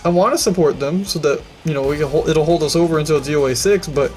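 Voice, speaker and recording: A young man ranting casually to camera about a game, excitable and profane, acting out his own past reactions with quick jumps in voice. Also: a little high, faint music behind. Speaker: gaming YouTuber.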